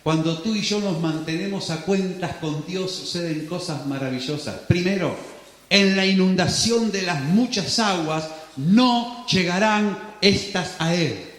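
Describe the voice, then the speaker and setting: A man preaching a sermon as pastor, impassioned, moving between soft passages and loud ones. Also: sits high, unhurried. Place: church hall. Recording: echoey church room.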